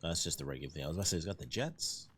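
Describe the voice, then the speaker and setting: A man's voice: low-pitched, animated, rapid-fire, a bit bright, breathy edge. A man giving casual commentary while he plays a video game. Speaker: gamer commentator.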